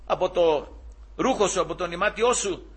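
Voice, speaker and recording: A man's voice: high voice, slightly rough. A man voicing a humble young warrior-king pleading earnestly with his enemy, in an everyday storytelling voice.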